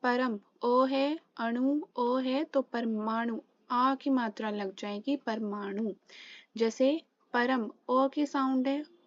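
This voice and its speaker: A woman's voice: a little high, highs cut off. A woman teaching a Hindi grammar lesson for exam preparation. She works through examples and answers her own questions.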